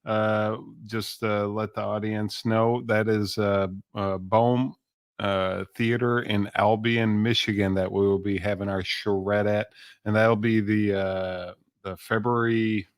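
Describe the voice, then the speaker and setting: A man's voice: fairly low pitch, level tone, slow pace, clean tone, no room sound. A man hosting a talk show in a casual, hesitant way, often chuckling. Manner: hesitant, many fillers, chuckles. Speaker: show host.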